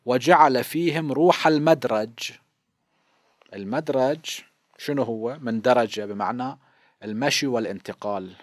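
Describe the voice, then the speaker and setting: A man's voice: medium pitch, normal speed, long pauses, no room sound. A man in his fifties with an Iraqi Arabic accent gives a religious lesson in a mid-range voice, explaining each point and asking questions he answers himself. The recording is dry and close, with little room sound. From Iraq. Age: 50s. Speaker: cleric teaching a seminary lesson.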